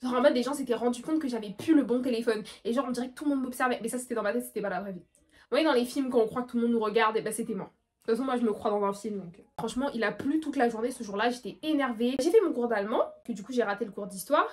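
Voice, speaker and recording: A teenage girl vlogger with a high, bright-pitched voice tells a storytime. She retells everything dramatically and breaks into loud outbursts. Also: very fast. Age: late teens. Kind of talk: storytime vlog.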